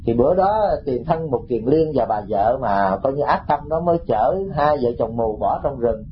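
A man's voice: medium pitch, animated, normal speed, muffled recording, a little hiss or hum. A male Buddhist monk giving a dharma talk, telling stories and addressing the listeners directly. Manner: storytelling, addresses the audience directly.

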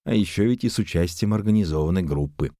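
A man voicing a steady male detective who explains matter-of-factly. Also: low voice, quick pace, dry recording, studio quality.

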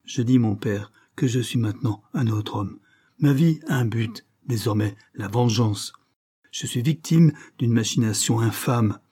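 Desperate young accused guy, pleading hard, husky mellow voice, read by a man. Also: fairly low pitch, fairly even intonation, moderate pace, few pauses. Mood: impassioned. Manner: impassioned, pleading and rising to outbursts.

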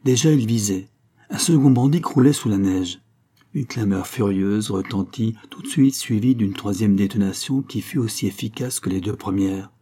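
A man narrating an audiobook in a steady, measured way. His voice is low and dark, with a husky grain. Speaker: audiobook reader. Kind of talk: scripted narration.

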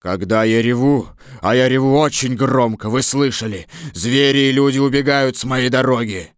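A man's voice: medium pitch, normal speed, clean tone, dry recording, studio quality, natural voice. A man voicing a huge, timid, tearful male lion in a dramatized storybook reading, bashful and self-pitying. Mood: sheepish.

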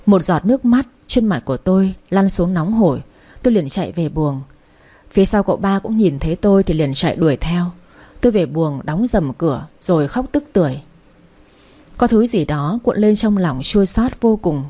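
A woman narrating a romance story in the first person, reading at a steady, measured pace. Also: fairly low pitch.

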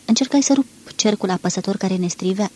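Woman, husky voice, mid pitch, expressive literary audiobook narration. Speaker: audiobook reader.

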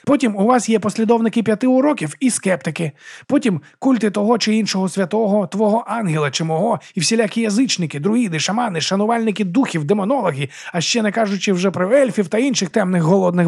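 A man's voice: high voice, quick pace, creaky, a little mellow, breathy edge, pitched above the performer's own voice, heavily acted. Man doing a crude rambling woman warrior. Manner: blunt, swearing, chatty.

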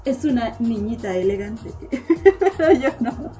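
Mexican woman streamer, high bright voice, playful and chatty, soft music underneath. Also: slow. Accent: Mexican Spanish. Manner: chatty, giggly, animated, repeats words. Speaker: host of an online live show. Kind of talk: casual live chat with viewers.

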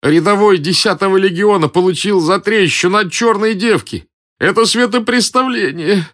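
A man voicing a proud, blustering Roman soldier who barks orders in a raised, strained voice. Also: normal speed. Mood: outraged. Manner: shouting, shrill when outraged.

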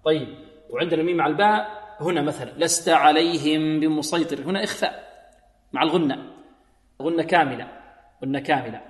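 A man teaching Quran recitation rules, asking his students questions and answering them himself, then slowly chanting example verses. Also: on the high side, animated. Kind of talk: tajweed lesson with recited examples. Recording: echoey hall, voice a bit distant.

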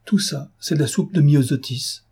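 A man's voice: a little high, moderate pace, dark tone, slightly rough, voice pushed up. A man putting on a pert, teasing young woman. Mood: mocking. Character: lively mocking young woman, quick-witted.

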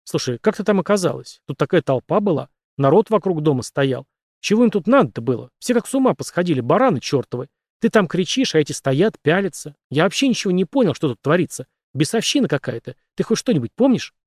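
A man's voice: on the high side, big pitch swings, fast talker, a little mellow, no room sound, voice pushed up. Kind anxious young man, read by a man, urgent, colloquial, dry close sound. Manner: urgent, pleading, rough colloquial.

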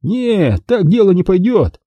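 Playing a sneering, swaggering sidekick to a detective, a man reads in a husky, dark, lively voice set far higher than his natural one, fully in character. His menacing threats swoop up and down with mocking bravado, delivered a little slowly. The sound is close and dry, studio-audiobook style.

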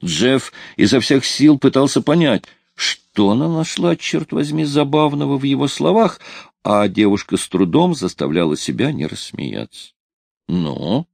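A man narrating a novel as an audiobook reader, with an expressive reading. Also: medium pitch, normal speed, gravelly, dry recording, clean studio sound.

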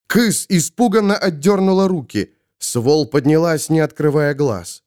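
A man narrating an audiobook in a dramatic, expressive way. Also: on the high side, a little slow, no echo, clean studio sound.

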